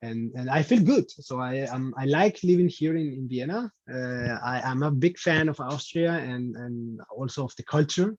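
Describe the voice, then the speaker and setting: A man's voice: mid-range voice, normal speed, hardly any pauses, a little mellow, dry recording, highs cut off. A man from Spain, a guest on an interview show, speaking casually with many restarts and fillers. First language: Spanish. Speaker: podcast guest.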